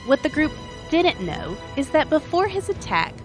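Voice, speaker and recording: A woman's voice: sits high, very animated, normal speed, over music. A woman hosting a story show, reading a scripted narration of a tabletop adventure in a wry, dramatic way. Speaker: story podcast host.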